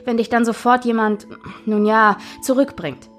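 A woman speaking as a calm, soothing Death figure in a spooky storybook tale, with faint music behind her. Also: a little high, moderate pace, close to an everyday voice. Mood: explaining. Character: calm, kindly Death, hooded skeleton.

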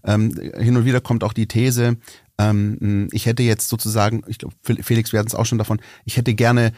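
A man with a somewhat low voice hosts a casual podcast chat, feeling his way through his points with frequent restarts and fillers. He, and the sound is close and dry. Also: little pitch movement, a little fast, darkish tone, no room sound. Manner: hesitant, many fillers and restarts, thinking aloud. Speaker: podcast host.

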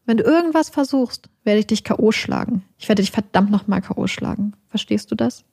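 A woman's voice: mid-range voice, animated, fairly quick, gravelly, a little mellow, husky, no echo, studio quality. A woman voicing the quoted lines of an aggressive, controlled, menacing man in a cold, clipped way.

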